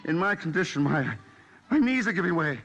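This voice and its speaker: A man's voice: fairly high pitch, very animated, a little fast, a bit bright, highs cut off, heavily acted. A man acting a suave adventurer in a radio drama, shivering and faltering as if with fever. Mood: feverish, shivering. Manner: shivering, faltering, chattering teeth.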